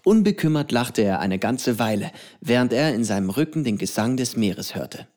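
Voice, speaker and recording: Calm male audiobook narrator. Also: medium pitch, normal speed. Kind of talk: audiobook reading.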